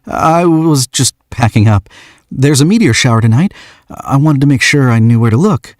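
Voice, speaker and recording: A man voices a nervous, shy young man who stammers and keeps restarting his sentences, pitching his natural voice above its usual level to land at medium pitch. The pace is moderate, and the studio-quality recording has no room sound.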